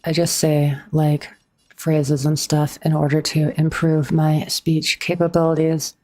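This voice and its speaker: A woman with a notably low voice streams a game and chats casually with her viewers. She is a bit awkward and picks up chat messages as she goes, speaking into a streaming microphone. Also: little pitch movement, unhurried, dark tone. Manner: chatty, a bit awkward, reads and answers chat.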